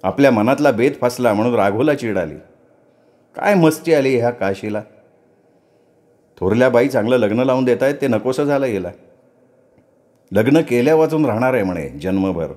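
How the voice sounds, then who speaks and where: A man reading a novel aloud as an expressive storyteller. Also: medium pitch, normal speed, long pauses. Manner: expressive storytelling, acts out dialogue.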